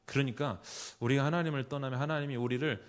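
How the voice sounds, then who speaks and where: A middle-aged man preaching a sermon in a church, emphatic, putting rhetorical questions to the congregation and swinging between loud exclamations and quiet asides. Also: mid-range voice, fairly even intonation, fast talker. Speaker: pastor. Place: church sanctuary.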